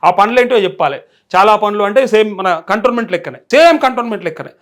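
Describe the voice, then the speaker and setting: A man's voice: high-pitched, animated, fast. A man with a Telangana accent reading and commenting on news as a live host, in a challenging, questioning manner. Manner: challenging, rhetorical questioning of viewers. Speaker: journalist hosting a live call show.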